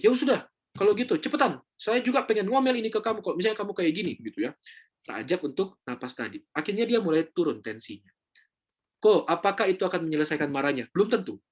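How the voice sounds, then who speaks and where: A man's voice: on the high side, a bit bright. A male counselor gives a casual seminar talk. He explains points in a chatty, loose way. He keeps turning to his listeners as friends.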